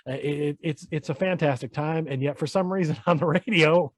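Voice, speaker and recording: A man's voice: fairly high pitch, a little fast, no echo, clean studio sound. A man hosting a podcast over a video call, chatting loosely with frequent restarts. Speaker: podcast host. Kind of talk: casual chat.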